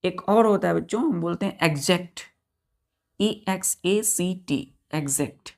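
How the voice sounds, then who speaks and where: Woman teacher spelling words out slowly. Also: on the low side, gravelly. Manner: spells words letter by letter, drills pronunciation; addresses students as children, asks and answers own questions. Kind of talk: vocabulary lesson.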